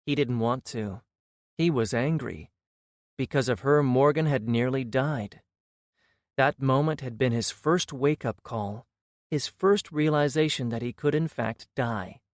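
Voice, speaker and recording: A man reading a fantasy audiobook in steady, measured scripted narration. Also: mid-range voice, dry recording, studio quality.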